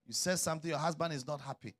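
A middle-aged pastor preaches a sermon at a racing pace, swinging between quiet, low asides and loud, shouted calls.

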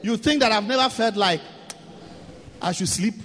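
A man preaching a sermon, pausing for his interpreter, emphatic and swinging from shouts to low asides. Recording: reverberant church hall, faint noise.

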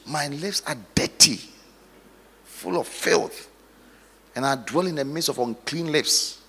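Husky-voiced man preaching in a reverberant hall. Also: a little high, slow pace. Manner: dramatic preaching, swings between hushed storytelling and loud exhortation. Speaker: pastor. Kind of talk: sermon.

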